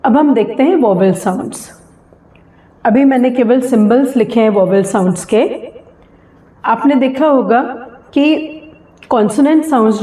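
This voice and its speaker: A woman with an Indian accent teaching English phonetics, slowly sounding out each example word. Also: a little high, dark tone. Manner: slow, drawn-out sounding of example words. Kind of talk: classroom lesson mixing Hindi and English. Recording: echoey room with long reverb.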